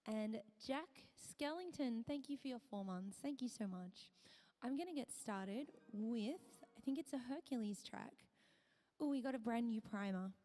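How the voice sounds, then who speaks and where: A woman livestreaming as a singer speaks in a casual, chatty way. Her voice is a little husky, mellow and pitched somewhat high. A long reverb tail hangs after each phrase. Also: expressive, moderate pace, soft background music. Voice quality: slightly husky voice. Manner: chatty, thanks viewers and restarts phrases. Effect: reverb added to the voice.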